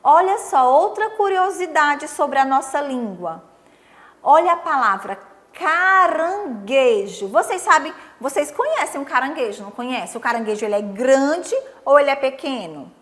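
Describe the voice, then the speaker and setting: High-voiced Brazilian woman teaching children. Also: expressive, fairly bright tone. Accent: Brazilian Portuguese. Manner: sing-song, coaxing, counts slowly with children. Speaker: primary school teacher. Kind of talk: TV lesson for young children.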